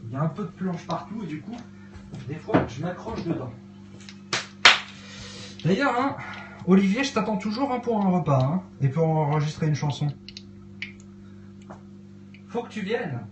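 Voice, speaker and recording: A man's voice: sits high, sing-song, normal speed, pauses often, muffled recording, background noise. A man hosting a casual cooking live stream in his cluttered kitchen at home, hesitating often with fillers as he chats with viewers. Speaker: livestream host cooking. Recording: echoey home room.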